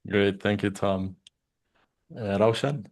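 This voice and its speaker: A man from Palestine hosting an online Q&A call, speaking softly with frequent pauses and fillers. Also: fairly low pitch. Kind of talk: casual welcome on a video call. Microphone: video call.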